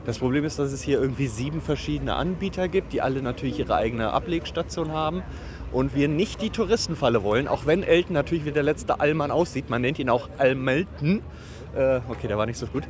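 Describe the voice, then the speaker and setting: A fast-talking man with an expressive, medium-pitched voice records voice messages for his travel podcast on a busy city street, traffic noise all around. His tone is casual, jokey, teasing and sarcastic.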